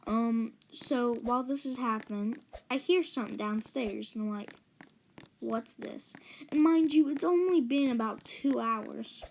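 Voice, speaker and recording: A woman's voice: on the high side, normal speed, creaky, few pauses, darkish tone, slight background noise, low-quality recording. A woman casually telling a personal story while playing a game, rambling and chatty, with gasps for effect. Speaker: gaming channel storyteller. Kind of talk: casual story narration over gameplay.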